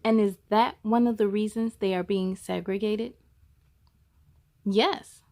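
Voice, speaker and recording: A woman hosting story time reads a picture book to children, her mid-range voice deliberate and expressive in a storytelling manner.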